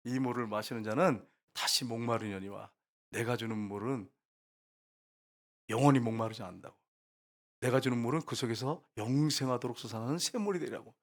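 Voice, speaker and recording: A man voicing Jesus in a sermon retelling, speaking low, slow and solemn. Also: close to an everyday voice. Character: calm, gentle Jesus speaking softly.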